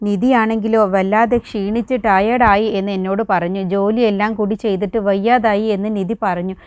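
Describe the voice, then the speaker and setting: A woman's smooth, resonant voice, recorded close and dry with no room sound. She casually retells a TV serial episode and quotes each character's lines directly. She keeps ending her sentences with a friendly, chatty tag. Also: medium pitch, steady tone, a little fast, a little mellow, no room sound. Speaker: serial recap narrator.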